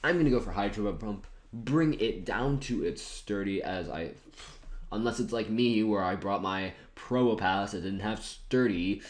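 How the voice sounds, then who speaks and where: A man's voice: lowish voice, unhurried. A man giving casual commentary over an online game battle, thinking aloud in a chatty, self-mocking way. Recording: roomy echoey room.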